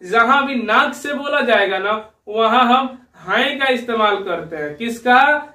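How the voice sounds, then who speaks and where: Man, high voice, slow patient teacher, quizzing the learner, echoey room, a bit far from the mic. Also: expressive, pushed and bright. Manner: patient, keeps asking "ठीक है ना" and quizzing the learner. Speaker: Urdu teacher. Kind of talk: slow spelling lesson at a whiteboard. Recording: roomy echo, voice a little off-mic.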